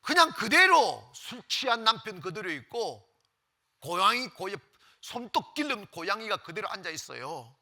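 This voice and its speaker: A man preaching a Sunday sermon with a high, bright, animated voice. He builds to loud exclamations, then drops to near-whispers, and repeats phrases for emphasis. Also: moderate pace. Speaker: pastor.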